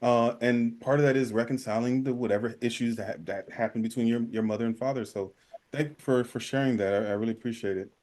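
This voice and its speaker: A man hosting a conversational podcast, speaking haltingly and often repeating words as he searches for phrasing. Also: mid-range voice, steady tone, a little mellow. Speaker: podcast host. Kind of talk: casual conversational interview.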